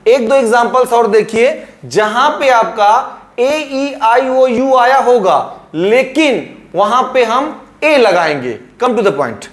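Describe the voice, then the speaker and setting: A man's voice: extremely high pitch, animated, takes it slowly. A male teacher explaining grammar at a board, repeating words and drawing them out.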